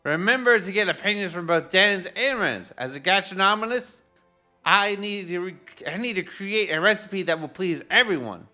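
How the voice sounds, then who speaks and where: A lofty, excitable foodie chef who lectures everyone about true cuisine, as a man puts him on. The voice sits high and sharp, with wide swings in pitch. Faint game music plays underneath. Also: moderate pace, exaggerated voice. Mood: pompous. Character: pompous wandering male foodie chef.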